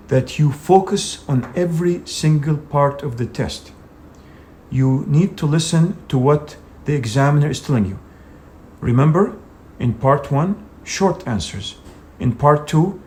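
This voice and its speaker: A man's voice: a little high, darkish tone, slight background noise. A man teaching an English speaking exam lesson, talking in an emphatic, direct coaching manner with frequent "you know" fillers. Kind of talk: instructional video lesson.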